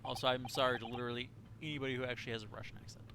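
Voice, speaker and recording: A man's voice: medium pitch, level tone, very fast, background noise. A man streaming a game live, making wry casual asides while reading the dialogue aloud.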